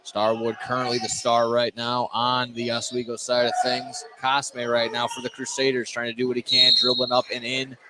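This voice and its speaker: An American-accented man does live play-by-play radio commentary of a basketball game in an indoor sports gym. His medium-pitched voice is completely flat, at a moderate pace with few pauses. Loud gym noise and game ambience fill the background.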